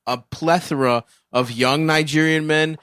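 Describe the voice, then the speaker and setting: A man with a fairly high voice talks in casual chat on a podcast, needling his co-host and swearing all the way through. His voice sits close to the mic in a dry room. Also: fairly even intonation, measured pace, a bit bright, smooth, no echo. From United States. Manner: profane, combative, heckling.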